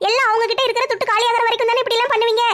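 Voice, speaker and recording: A woman playing a shrill scheming daughter-in-law. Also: flat delivery, rapid-fire, a bit bright. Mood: taunting. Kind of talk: family comedy skit.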